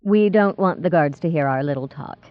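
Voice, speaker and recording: A coarse, cruel woman kidnapper who taunts her captives and speaks with a low, menacing edge, as a woman reader puts her on. The sound is tinny and phone-like, with no room around it. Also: normal speed, no room sound, natural voice. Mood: taunting.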